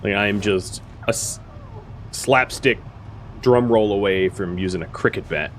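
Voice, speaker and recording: A man's voice: on the low side, measured pace, a little hiss or hum. A man giving casual, wry gameplay commentary as a streamer, thinking aloud with fillers. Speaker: gaming streamer.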